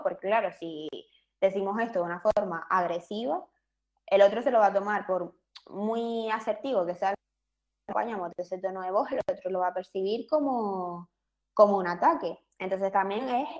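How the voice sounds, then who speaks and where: A woman presenting an online psychology workshop, explaining in a conversational way with fillers and small restarts. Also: medium pitch.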